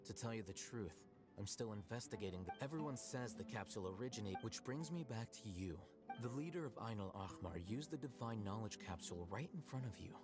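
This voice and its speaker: Alhaitham, a man voicing a calm, dry scholar. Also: lowish voice, over music, close to an everyday voice. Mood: cool. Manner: measured, dry and unhurried. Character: aloof male scholar, calm and sharp-witted. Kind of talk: video game dialogue.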